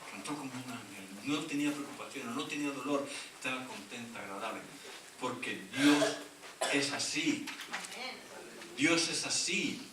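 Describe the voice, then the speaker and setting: Lively preaching man in an echoey church. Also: mid-range voice, moderate pace, noisy background. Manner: reads scripture aloud and quizzes the congregation. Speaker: pastor. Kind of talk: sermon. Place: church sanctuary. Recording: echoey church hall from far off, congregation audible.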